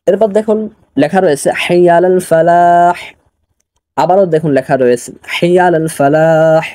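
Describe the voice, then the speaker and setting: A young man with a Bangladeshi Bengali accent teaching an online religious studies class, slowly translating phrases word by word and repeating them. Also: a little high, steady tone, mellow, no echo.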